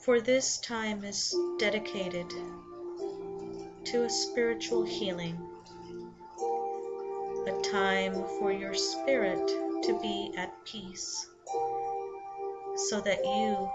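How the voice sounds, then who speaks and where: A woman guides a meditation at a slow, measured pace, soothing and unhurried, pausing between short phrases. Her mid-pitched voice comes through a slightly dull recording, with music playing loudly behind it. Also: fairly even intonation. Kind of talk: guided meditation, scripted narration. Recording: muffled lo-fi sound under loud music. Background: loud background music.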